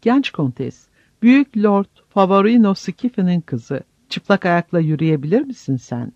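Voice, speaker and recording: Brief: a man playing a severe friar, searching and harsh, in a flat lo-fi audiobook recording. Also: sits high, unhurried, no echo, full character voice. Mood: stern testing. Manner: harsh, probing questions. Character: stern ascetic friar, a grown man, harsh and testing. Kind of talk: audiobook reading.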